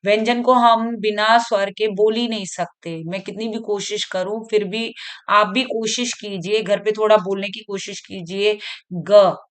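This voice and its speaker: A woman's voice: medium pitch, fairly even intonation, fairly bright tone, clear, resonant tone. A woman teacher giving an online grammar lesson to children, patiently repeating and sounding out letters one by one. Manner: slow, patient, repeats key sounds aloud.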